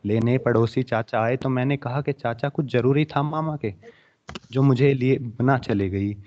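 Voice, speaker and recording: A young man reciting his own emotional poem at a student poetry competition, his voice swelling with feeling and then dropping to soft, hushed passages. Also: medium pitch, normal speed, slight background noise. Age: young adult. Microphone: online webinar microphone. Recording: dull lo-fi webinar audio.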